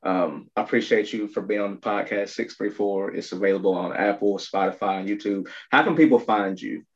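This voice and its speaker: A man's voice: lowish voice, a little fast. A podcast host talking earnestly and gratefully with his guest in a casual chat. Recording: dull lo-fi audio.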